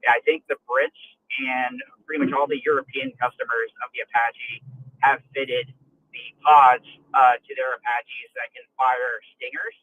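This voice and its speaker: A man's voice: medium pitch, fairly even intonation, moderate pace, phone-quality sound. A man talking over a car speakerphone while driving, rambling with many uh and you know fillers and self-corrections in a casual chat. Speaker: listener speaking up on an audio chat panel. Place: inside a moving car. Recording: faint road hum from a moving car.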